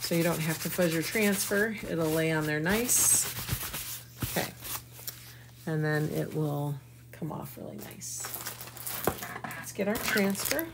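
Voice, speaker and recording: A craft demonstrator with a low-pitched voice gives a chatty, folksy live tutorial, talking to her viewers as she works. She speaks slowly, pauses often, and keeps hiccuping, with background noise behind her.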